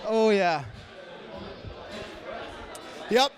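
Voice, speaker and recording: Man, event host, high voice, excitable, joking, handheld mic on stage, crowd cheering behind. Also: drawn-out words. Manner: excitable, joking, loose filler-heavy talk. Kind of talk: live event hosting. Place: stage at a live gaming tournament. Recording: live event with crowd noise.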